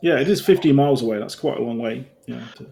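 A man's voice: mid-range voice, animated, fast talker, gravelly, warm tone. A man narrating a tabletop horror game as game master, reading out a briefing and then explaining loosely with many fillers.

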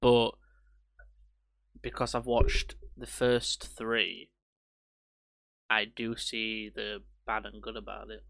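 A man's voice: fairly low pitch, slow pace, vocal fry, long pauses, no room sound. A man, hosting a casual podcast that reviews films, rambling and swearing casually. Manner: rambling, swears casually, animated when ranting. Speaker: podcast host. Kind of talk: casual film review chat.

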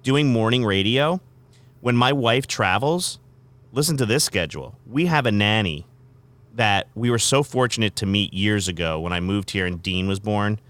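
A man's voice: fairly low pitch, normal speed, fairly bright tone. A man who hosts morning radio, chatting casually in an interview, rambling with lots of fillers and restarts.

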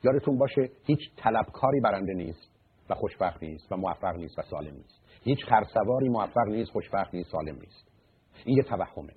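A man, a psychologist, giving blunt, mocking marriage advice in a radio talk. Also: fairly low pitch. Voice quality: husky. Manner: blunt, mocking, rises to loud emphatic outbursts. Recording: muffled phone-like radio line.

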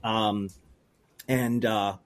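Earnest, halting man telling a story. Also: on the low side, steady tone. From rural Pennsylvania. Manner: earnest, halting, with many restarts. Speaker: brewery owner, guest. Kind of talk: emotional interview storytelling.

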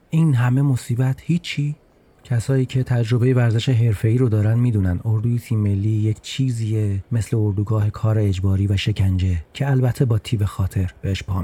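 Wry storytelling man, mellow voice. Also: lowish voice, steady tone, few pauses. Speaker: narrator. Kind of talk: storytelling podcast narration.

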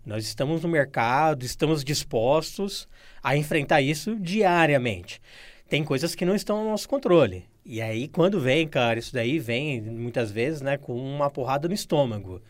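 A man's voice: medium pitch, expressive, normal speed. A man co-hosting a business podcast, speaking in a frank, slangy, casual way. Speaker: podcast co-host.

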